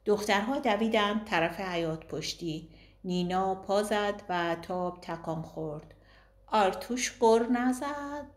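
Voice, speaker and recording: A woman narrating a novel as an audiobook, in a calm, even storytelling manner. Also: lowish voice, reverberant. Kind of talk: novel reading.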